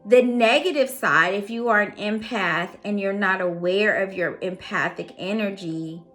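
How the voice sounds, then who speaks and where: Over soft background music, a psychic reader and host speaks a little slowly in a medium-pitched, somewhat bright voice. Her casual motivational talk to her audience is earnest, with phrases repeated for emphasis.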